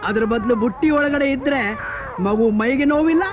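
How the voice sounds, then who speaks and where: An actor playing a cheeky, teasing taxi driver with a loud, giggly manner, in a film comedy. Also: male voice, extremely high pitch, normal speed, noisy background. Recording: film soundtrack with music.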